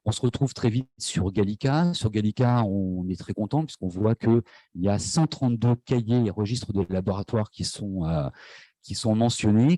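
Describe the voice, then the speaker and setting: A man's voice: lowish voice, warm tone, slightly rough, no echo. A man with a French accent giving an academic conference talk, hesitant, with many fillers and restarts. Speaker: lecturer. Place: university lecture hall.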